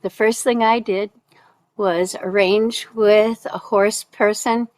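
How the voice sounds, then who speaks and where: A woman's voice: medium pitch, fairly even intonation, slow, a little mellow. A woman from the United States telling a personal story in a chatty, self-deprecating way, with restarts.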